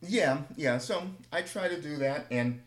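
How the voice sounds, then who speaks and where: A man's voice: fairly high pitch, animated, a little slow. A man casually telling rambling, humorous anecdotes with a self-deprecating touch. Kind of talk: casual chat, storytelling. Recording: echoey room.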